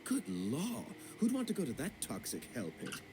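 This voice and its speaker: An actor playing a fussy, pompous male bureaucrat on a ship in a video game, with prim, fastidious diction. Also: a little high, wildly swooping pitch, noisy background. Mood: smug.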